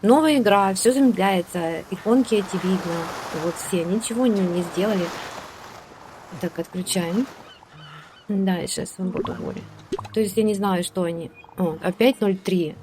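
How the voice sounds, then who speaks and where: A woman's voice: mid-range voice, normal speed, noisy background. A woman giving casual gameplay commentary, chatting along and ordering her game characters around, with hesitant fillers. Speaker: let's play host.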